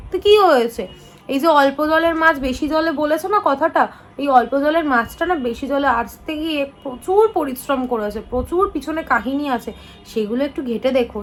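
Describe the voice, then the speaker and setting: A woman's voice: high-pitched, fairly bright tone. A woman in her thirties talking to her camera, scolding and answering critics with sarcastic indignation. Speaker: family vlogger. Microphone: phone camera.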